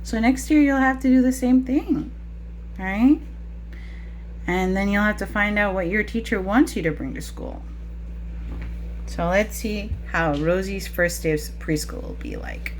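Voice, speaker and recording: A woman preschool teacher reads a picture book aloud to young children, often asking them questions in a teacherly manner. Her voice is medium-pitched and unhurried, with slight background noise.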